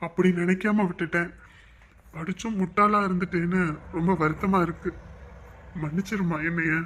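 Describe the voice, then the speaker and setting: A man's voice: high voice, fairly even intonation, a bit bright. A man playing an educated, remorseful middle-aged father who speaks earnestly. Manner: earnest, measured pleading. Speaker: father-in-law in a family drama. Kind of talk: web drama acting.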